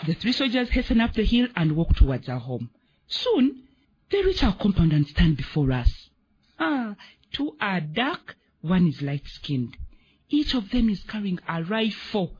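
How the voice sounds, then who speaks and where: A man reading a dramatic story aloud on the radio, acting out the characters with an expressive, husky voice. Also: measured pace. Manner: expressive, voices the characters with big pitch swings. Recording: muffled radio broadcast.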